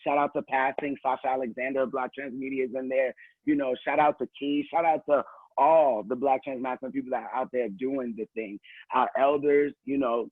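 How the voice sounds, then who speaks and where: Nervous, earnest man on a call, mid-pitched, tinny and dry audio. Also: steady tone, a little fast, breathy edge, no echo. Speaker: communications director. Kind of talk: casual online panel talk. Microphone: video call.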